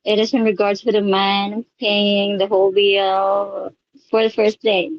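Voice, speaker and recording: A woman's voice: medium pitch, little pitch movement, measured pace, highs cut off. A woman from the Philippines answering interview questions, hesitant and thinking aloud with fillers.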